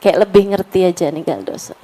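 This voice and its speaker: A woman's voice: on the low side, lively intonation, a little fast, warm tone, poor audio. A woman in her forties from West Java, preaching casually to a women's gathering, chatty and mixing in Arabic phrases, slipping into pleading prayer. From West Java, Indonesia. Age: 40s.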